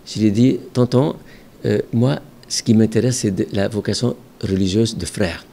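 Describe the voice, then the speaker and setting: Speaking on the low side with some vocal fry, an older religious brother who directs a school in Ontario, Canada, calmly recounts his past in interview answers. He sits at his office desk behind a microphone, reflective and measured, hesitating at times.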